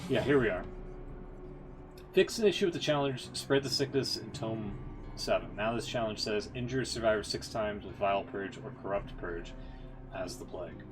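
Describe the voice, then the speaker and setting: Over background music, a gamer hosting a livestream offers relaxed play-by-play in a lowish voice at a moderate pace. He thinks out loud informally, with muttered asides.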